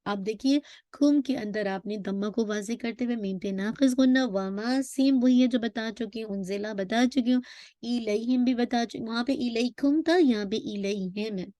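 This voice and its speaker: A woman teaches recitation in a mellow, dark voice. She explains patiently and draws out each sound slowly. The recording is dry and close. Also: on the high side, dry recording. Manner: mixes English words into her explanations, checks in with "okay?". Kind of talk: tajweed lesson.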